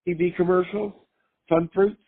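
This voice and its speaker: An older man, hoarse from a cold, chatting casually as an interview guest and rambling with lots of fillers. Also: high-pitched, little pitch movement, moderate pace. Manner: rambling, full of fillers and restarts. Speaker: guest, former costume maker. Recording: tinny phone-line sound.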